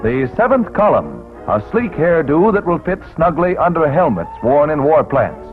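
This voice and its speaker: A man narrating a 1940s wartime newsreel in a brisk announcer delivery with punchy quips, heard as old newsreel sound. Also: a little high, big pitch swings. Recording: tinny 1940s newsreel soundtrack with loud music.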